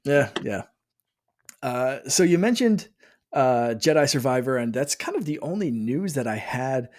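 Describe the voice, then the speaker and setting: A man's voice: medium pitch, big pitch swings, unhurried, darkish tone. A man hosting a podcast, chatting casually and laughing often. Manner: chatty, laughs often, acts out quoted voices. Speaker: podcast host. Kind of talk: casual chat.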